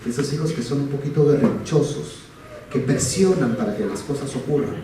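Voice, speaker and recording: Hombre dando una charla en sala con eco. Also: male voice, medium pitch, animated, normal speed, warm tone. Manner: asks the audience questions, tells a personal anecdote with acted dialogue. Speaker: school psychologist giving a talk to parents. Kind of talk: parent talk with storytelling. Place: large school hall. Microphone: recorded from far off. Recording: echoey hall from far off with noise.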